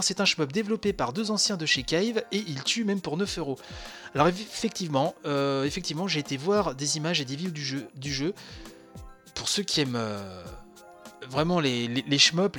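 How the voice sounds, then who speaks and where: A man's voice: a little high, fairly bright tone. A man hosting a casual podcast, talking with many fillers and restarts. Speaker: podcast host.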